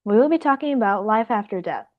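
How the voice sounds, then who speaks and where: A woman's voice: medium pitch, lively intonation, fast talker. A young woman reading out a prepared talk as a student presenter in a class. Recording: dull lo-fi sound.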